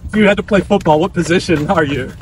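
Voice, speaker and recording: A man's voice: fairly high pitch, fast. A man in his twenties interviewing someone casually while running, talking in a loose, slangy way as host. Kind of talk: casual chat. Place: outdoors on an open dirt road. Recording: faint outdoor noise.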